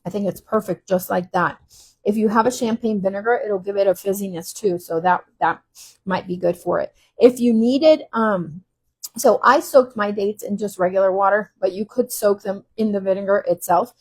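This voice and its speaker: A woman's voice: mid-range voice, normal speed, darkish tone, husky. A woman hosting a casual cooking demo, chatting in a rambling way with frequent ums. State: teary from cutting shallots. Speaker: cooking channel host. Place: kitchen while traveling.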